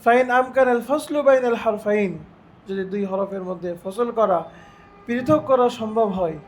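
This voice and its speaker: A man teaching a religious lesson, reciting Arabic phrases slowly and putting questions to his students. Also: high voice, slight background noise. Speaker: Islamic teacher.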